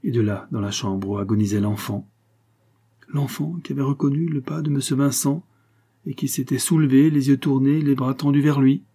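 A man narrating a 19th-century tale in a dramatic, expressive reading. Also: medium pitch, normal speed, breathy edge.

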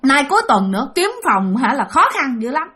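A woman's voice: high-pitched, big pitch swings, a little fast, pushed and bright, exaggerated voice. A woman voicing a cocky young man who scoffs at talk of ghosts, brash and dismissive. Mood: scoffing.

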